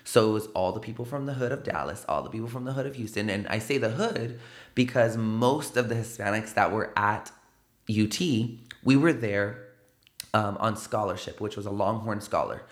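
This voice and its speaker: A man with a lowish voice talks at a normal speed in a roomy-sounding podcast studio. He's from San Antonio's South Side, has a South Texas accent, and tells stories animatedly as a guest in a casual interview, peppering them with "right?" and "like."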